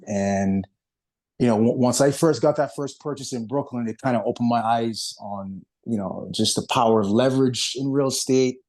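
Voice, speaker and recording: A man from Barbados giving a relaxed, casual presentation on a video call, often filling with "you know" and "um". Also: medium pitch. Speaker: guest speaker.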